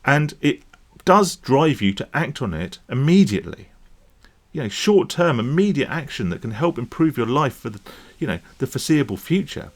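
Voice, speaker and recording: A man's voice: medium pitch, sing-song, normal speed. A man talking casually to camera about recovering from gambling, rambling and checking in with the viewer. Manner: rambling, conversational, checks in with "right?" and "okay?". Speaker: YouTube vlogger on gambling recovery.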